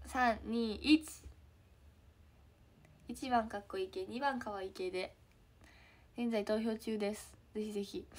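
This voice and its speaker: A teenage girl with a Kansai accent chatting casually with fans on a live stream, giggly and trailing into soft murmurs. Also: a little high, slightly rough. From Hyogo, Japan. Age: teens. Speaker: idol trainee streaming to fans.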